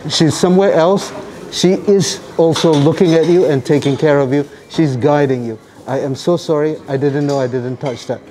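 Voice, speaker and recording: Guy vlogger joking around with people at a cafe, kinda high voice, teasing. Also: normal speed, warm tone, slight background noise. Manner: playful, teasing, self-mocking. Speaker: vlog host interviewing cafe guests. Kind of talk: casual teasing chat. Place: indoor cafe.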